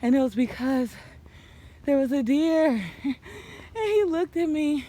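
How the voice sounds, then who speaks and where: A woman vlogger and runner chats casually to her phone while running and walking on a trail, out of breath. Her high voice is expressive, warm, and unhurried, captured by a handheld phone in a noisy outdoor recording.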